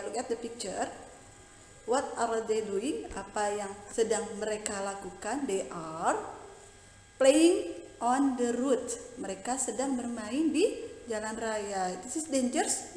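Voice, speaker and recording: Woman, Indonesian accent, patient teacher, slow pace, roomy echo. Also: fairly high pitch, darkish tone, slight background noise. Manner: slow, patient explaining, mixing English and Indonesian. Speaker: English teacher. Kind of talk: bilingual classroom lesson.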